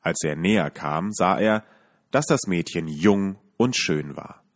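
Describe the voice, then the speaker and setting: A man calmly reading a fairy tale aloud as a podcast storyteller. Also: low voice. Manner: calm, measured reading.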